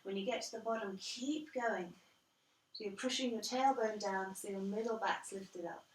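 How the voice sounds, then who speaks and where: A woman guiding a yoga class as instructor, calm and measured, step by step. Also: medium pitch, a little hiss or hum. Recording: roomy echo, distant from the mic.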